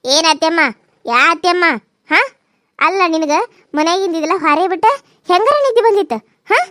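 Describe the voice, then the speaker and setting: A woman voicing a domineering older village mother-in-law, who scolds and taunts slowly. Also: very high voice, fairly bright tone, no room sound, studio quality. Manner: scolding, insulting, drawn-out taunts. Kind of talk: cartoon voice acting.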